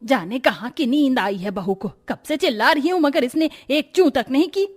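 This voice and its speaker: A woman's voice: high voice, lively intonation, moderate pace, faint music behind. A woman voicing a kind, naive middle-aged mother-in-law in a cartoon, motherly and coaxing. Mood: scolding. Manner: motherly and coaxing, sometimes scolding. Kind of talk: Hindi cartoon voice acting.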